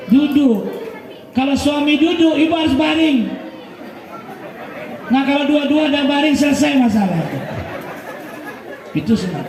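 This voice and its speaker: Very high-voiced joking male preacher. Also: lively intonation, unhurried, pauses often, noisy background. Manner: joking, calls out to listeners constantly. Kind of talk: humorous sermon with crowd banter. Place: mosque celebration with congregation. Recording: echoey mosque hall, crowd murmur.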